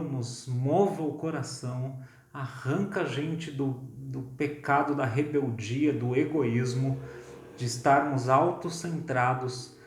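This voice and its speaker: A man with a Brazilian Portuguese accent preaching a sermon as pastor, talking in a conversational, lively way and often asking "né?". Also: medium pitch. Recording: roomy echo.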